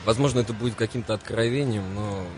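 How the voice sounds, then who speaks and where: Низковатый картавый мужской голос. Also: male voice, fairly low pitch, steady tone, fast talker, darkish tone, a little hiss or hum. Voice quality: burred non-rolled r (kartavit), like w for r. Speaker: radio guest, advertising and marketing specialist. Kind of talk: radio interview talk. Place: radio studio. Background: clear music.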